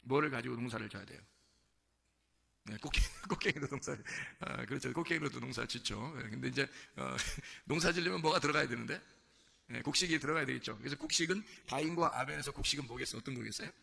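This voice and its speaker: A man's voice: mid-range voice, fast, vocal fry, sharp tone. A man preaching a sermon, asking his congregation questions and acting out quoted lines. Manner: asks the congregation questions and acts out quoted speech. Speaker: pastor.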